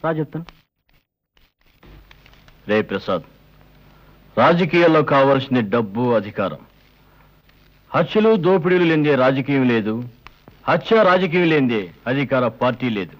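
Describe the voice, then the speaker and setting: A man's voice: medium pitch, animated, normal speed, pauses often, lightly acted. A man playing a cold scheming political boss. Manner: cold, menacing, talks down to others. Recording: dull lo-fi film audio with score.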